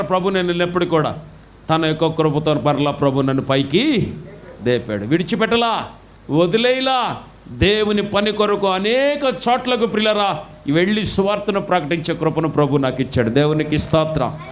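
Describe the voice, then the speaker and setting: A middle-aged pastor from India preaching a sermon with passion, his voice swinging from loud highs to low drops. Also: expressive, moderate pace, a little hiss or hum.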